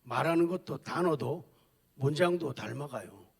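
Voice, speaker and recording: A man preaching a sermon with emphatic repetition, swinging between loud declarations and quiet, intimate asides. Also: on the high side, expressive, moderate pace, vocal fry. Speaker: pastor.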